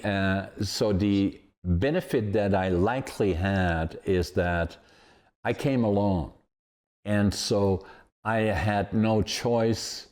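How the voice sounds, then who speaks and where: This podcast host is a Dutch man in his eighties from Groningen province in the northeastern Netherlands, whose first language is the Groningen dialect. His voice sits on the low side with a darkish tone. Speaking with a Dutch accent, he hosts a conversational interview and tells stories in a rambling, emphatic, upbeat way.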